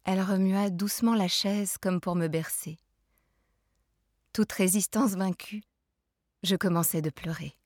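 A woman narrating a novel in a calm, measured literary reading. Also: mid-range voice, no echo, studio quality.

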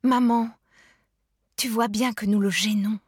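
Lady reading a young boy begging his mom, high and loud and urgent, dry sound. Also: steady tone, measured pace, breathy edge, no echo. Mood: pleading. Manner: urgent, pleading, raised voice. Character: young son begging his mother passionately.

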